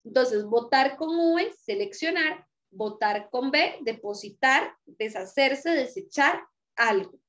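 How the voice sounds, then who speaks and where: A woman's voice: high voice, animated, takes it slowly, a bit bright. A woman teacher explaining a lesson patiently, often checking in with her students. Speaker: Spanish teacher. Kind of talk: recorded class lecture.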